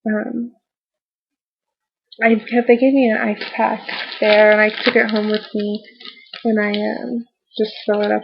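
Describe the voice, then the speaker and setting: Casting: woman vlogger, worn out post-surgery, flat and croaky, halting casual update, slightly dull home-recorded sound. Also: mid-range voice. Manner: halting, trailing off mid-thought. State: tired and sore after recent surgery. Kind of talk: casual rambling video diary.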